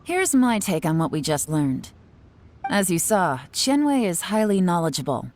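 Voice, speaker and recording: Cool, mellow-voiced female agent. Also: on the low side, big pitch swings, a little hiss or hum. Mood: cool, analytical. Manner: measured, analytical, composed. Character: cool, shrewd, self-assured female intelligence agent. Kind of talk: video game character acting.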